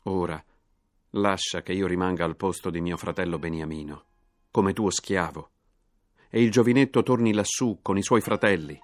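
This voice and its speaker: A man's voice: deep voice, moderate pace, no echo, soft background music, natural voice. A man reading aloud as a brother earnestly begging to take another's place. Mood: pleading. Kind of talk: scripted reading.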